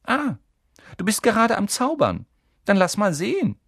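A bossy little know-it-all schoolgirl, put on by a man, her voice pushed way up high and swooping all over. She talks in a commanding, breathless torrent, like she's read every book there is. Dry, close storybook recording. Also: wildly swooping pitch, unhurried, vocal fry, a bit bright, dry recording, full character voice. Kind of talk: audiobook character voice.

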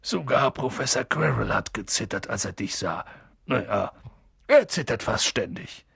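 Male reader voicing a burly, gruff giant, low and husky, chatty and blunt. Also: very animated, normal speed, fairly bright tone, dry recording, clean studio sound, heavily acted. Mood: confiding. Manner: low, gruff, confiding, drops words. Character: huge, good-natured male gamekeeper.

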